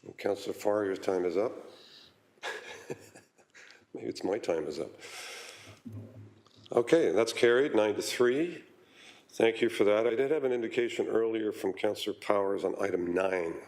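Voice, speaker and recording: A man serving as mayor, chairing a city council meeting in a measured way with frequent pauses and fillers. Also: on the low side, a little mellow. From Canada.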